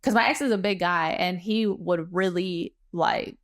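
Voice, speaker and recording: A woman hosting a mukbang, telling a story in an animated way, swearing and acting out what people said. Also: lowish voice, unhurried. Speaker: mukbang host. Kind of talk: casual storytelling over a meal.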